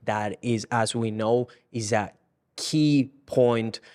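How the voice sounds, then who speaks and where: A man of middle pitch hosts a casual podcast conversation. He is enthusiastic and affirming, and often chimes in with agreement. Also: slow, darkish tone. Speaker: podcast host.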